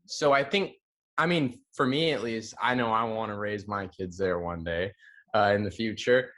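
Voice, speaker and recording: A young man from Hawaii talking as an actor guest, relaxed and chatty with casual slang. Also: on the low side, normal speed. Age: young adult. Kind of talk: casual interview answers.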